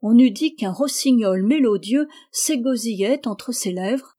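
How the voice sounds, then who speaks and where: Female audiobook narrator, mellow and warm in tone, measured literary reading. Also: mid-range voice. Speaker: audiobook reader. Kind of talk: scripted narration.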